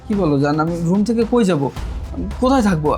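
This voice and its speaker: A man's voice: sits high, animated, quick pace, music in the background. An actor playing an evasive young husband in a TV family drama, placating and pleading with his wife. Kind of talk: Bangla TV drama acting.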